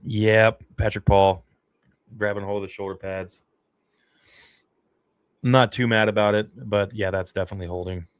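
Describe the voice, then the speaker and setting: A man's voice: on the low side, normal speed, pauses often, clean tone, dry recording. A man hosting a fan livestream, giving casual, emotional play-by-play commentary on a football game. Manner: excitable, emotional fan reactions.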